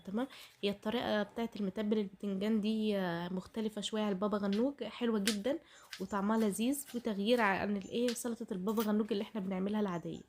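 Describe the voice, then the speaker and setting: A home cooking vlogger with an Egyptian Arabic accent walks her viewers through a recipe, chatting to them directly and casually. Her mid-range voice has a darkish tone and sounds thick from a heavy cold, with a little hiss or hum in the audio.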